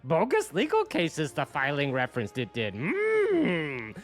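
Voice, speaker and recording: An ancient, wise little alien master, as a man puts him on, who talks with his words flipped backwards and hums "mm" between phrases. The voice climbs higher than the man's normal talk and swoops around. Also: huge pitch swings, unhurried. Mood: ponderous. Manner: inverted word order, humming "mm" between phrases.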